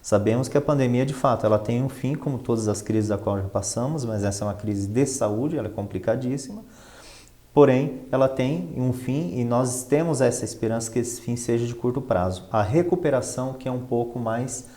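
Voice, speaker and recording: Mellow and a little fast, the mid-range voice belongs to a Brazilian interview guest who is both a finance professional and a professor. He explains conversationally, using rhetorical questions and repeating himself for emphasis.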